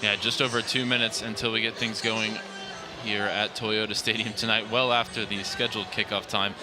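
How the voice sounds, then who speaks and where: A man calling a soccer match as the radio play-by-play announcer, delivering lineups and statistics in a brisk, polished way from a stadium booth. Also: fairly low pitch, flat delivery, music in the background. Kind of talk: radio sports broadcast.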